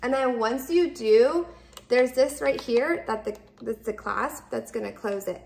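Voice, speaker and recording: Indoors in the open kitchen and dining room of her home, a product reviewer in her thirties walks through a product demo in a casual, instructional style, explaining each step simply and often repeating herself. Her fairly high voice frequently drops into vocal fry and sounds a little mellow, and she speaks a little slowly.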